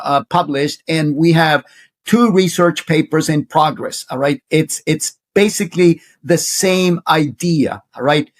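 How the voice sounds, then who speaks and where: A man, a guest in an interview, telling stories earnestly with many hesitations and fillers. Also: fairly high pitch. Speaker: guest, university center director. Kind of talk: conversational interview storytelling.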